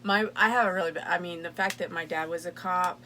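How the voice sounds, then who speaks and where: A woman's voice: fairly low pitch, steady tone, fast, sharp tone, a little hiss or hum. A woman co-hosting a podcast, talking candidly in casual chat. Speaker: podcast co-host.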